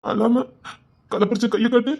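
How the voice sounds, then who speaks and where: This village romance drama has a woman playing a young village man who fusses fast and coaxingly over his sweetheart. Her voice is on the high side, darkish and slightly rough, with vocal fry and fairly even intonation.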